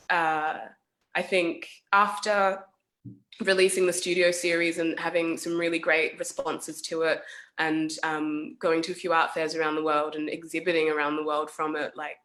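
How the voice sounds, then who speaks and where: Young woman artist, reflective and halting, lower voice, heard over a video call. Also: fairly bright tone. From South Sudan. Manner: thoughtful, hesitant, many fillers. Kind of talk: casual reflective talk.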